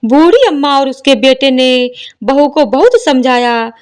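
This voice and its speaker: A woman narrating a devotional folk tale in a steady, measured storytelling manner. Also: sits high, clean tone.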